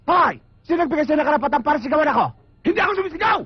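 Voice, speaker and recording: A loud, scolding older man. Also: extremely high pitch, racing, no echo, highs cut off. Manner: loud, scolding, often shouting. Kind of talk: comedic film acting.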